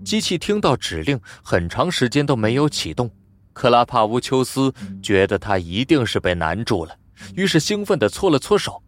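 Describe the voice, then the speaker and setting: A man narrating an audiobook in a scripted, expressive storytelling style. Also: medium pitch, moderate pace.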